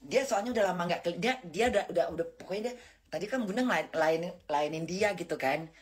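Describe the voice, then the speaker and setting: A woman's voice: on the low side, animated, fast talker. Brash rambling woman live-streaming. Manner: brash, rambling, self-mocking storyteller with slang. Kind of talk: casual live-stream chat.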